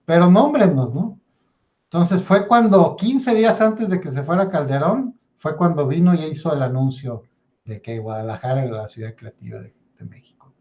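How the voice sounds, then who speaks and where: A man's voice: fairly high pitch, expressive, normal speed, darkish tone, lo-fi sound. A man, a guest in a casual interview, who tells his stories and keeps checking in with "¿no?". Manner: storytelling, tags lines with "¿no?".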